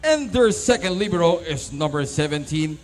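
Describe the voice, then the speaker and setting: A man working as venue game announcer, calling out player numbers and names in a drawn-out, booming delivery. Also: animated, over music. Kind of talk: arena player introductions.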